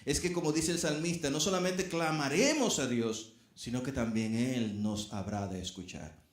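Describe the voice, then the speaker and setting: A man's voice: medium pitch, moderate pace, reverberant. A middle-aged man preaching a sermon as a pastor, earnest and speaking straight to his congregation.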